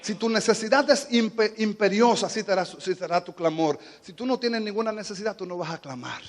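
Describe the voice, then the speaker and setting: A high-voiced man with a Dominican Spanish accent preaches a sermon. He talks low and steady while teaching, then climbs into fervent, shouted exhortation. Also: fairly quick, long reverb tail. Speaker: pastor.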